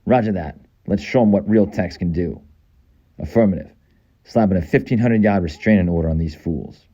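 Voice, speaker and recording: A man's voice: sits low, moderate pace, dark tone, lo-fi sound. A man with a Boston accent voicing a tough American soldier in a video game, giving clipped military radio callouts. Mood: clipped, steady. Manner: clipped, urgent military delivery.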